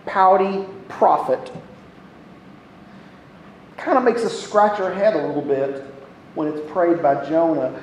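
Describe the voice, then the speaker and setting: A male pastor preaches with earnest conviction, slowing down and sinking to a hush when he reads scripture aloud. His voice sits fairly high but sounds mellow and soft-edged. The room around him is echoey, with a faint ambient hum underneath. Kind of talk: sermon.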